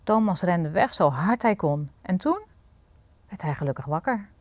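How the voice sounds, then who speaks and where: A woman reading a fairy tale aloud for children, in an expressive storybook manner. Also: on the low side, moderate pace, no room sound.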